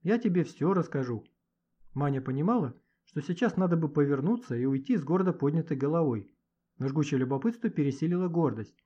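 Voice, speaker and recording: A man narrating a children's adventure audiobook with animated storytelling. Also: fairly high pitch, fast talker, breathy edge. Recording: dull lo-fi audiobook recording.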